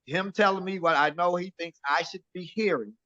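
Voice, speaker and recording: An older man reflects on fatherhood in halting phrases, often restarting his thought. His voice is a bit high, and the recording sounds dull and dry. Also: bright, forceful tone, no room sound. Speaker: guest. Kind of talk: casual chat.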